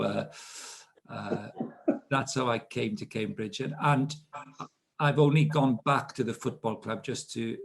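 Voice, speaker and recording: His voice is fairly low, slightly rough and full of vocal fry: a chatty, self-deprecating man in his fifties from South Wales, with a Welsh accent, recounting his life as a guest in a relaxed storytelling interview.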